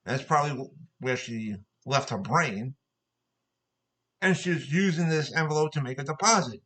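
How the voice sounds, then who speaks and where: Profane, bright-voiced ranting man. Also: medium pitch, lively intonation, normal speed, poor audio. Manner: profane, exasperated, repetitive storytelling. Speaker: vlogger. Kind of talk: angry ranting monologue.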